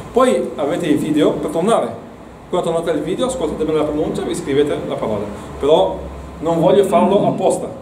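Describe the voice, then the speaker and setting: A man's voice: fairly high pitch, warm tone, slight background noise. A man teaching an Arabic class to students, encouraging and repeating words, recorded from across an echoey classroom. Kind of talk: classroom lesson. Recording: echoey room, mic far off.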